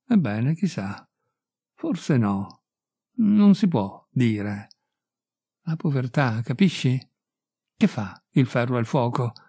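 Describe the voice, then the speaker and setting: A gruff, bitter, impoverished bearded musician, blunt and sententious, as a male reader puts him on. His voice is gravelly and dark, and the recording is close and dry. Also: medium pitch, dry recording, exaggerated voice.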